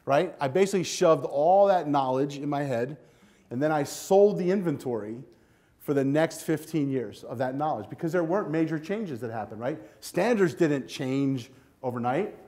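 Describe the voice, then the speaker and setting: An older man delivers a keynote from a hotel ballroom stage, his voice pitched a touch high for a man. He talks with lively, coaching energy, speaking straight to the students in front of him. The sound is a close lapel mic. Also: moderate pace. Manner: energetic, animated, walks the stage with a handheld clicker. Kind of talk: conference keynote speech. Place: hotel ballroom with a seated audience.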